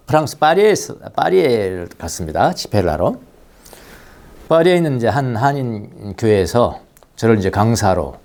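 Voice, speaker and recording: A man's voice: lowish voice, gravelly, a little mellow. A middle-aged man preaching a Sunday sermon in a church, telling stories with chuckles and repeating key phrases. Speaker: pastor. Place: church sanctuary.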